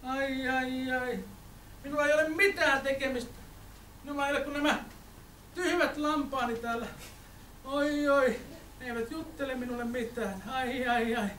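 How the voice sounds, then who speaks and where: A bright, whiny young shepherd boy who fibs, storybook play, echoey room from a distance. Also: high-pitched, steady tone, a little hiss or hum. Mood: bored. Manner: whiny, sighing.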